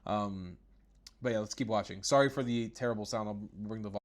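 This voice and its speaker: A man's voice: lowish voice, brisk. A man hosting his own channel, giving mocking, sarcastic commentary on news clips, often laughing and swearing. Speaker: political commentary host.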